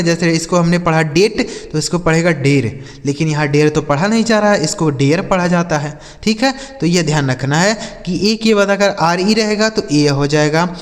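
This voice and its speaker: A high-pitched man gives a Hindi-language lesson on English pronunciation, with long reverb on the audio. He patiently explains step by step, calls his viewers friends, and keeps posing rhetorical questions that he then answers himself.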